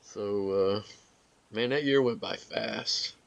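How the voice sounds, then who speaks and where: A man giving relaxed, rambling commentary over his gameplay, with filler words and some hiccups. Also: fairly low pitch, slow, gravelly, dull audio. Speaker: gaming video creator.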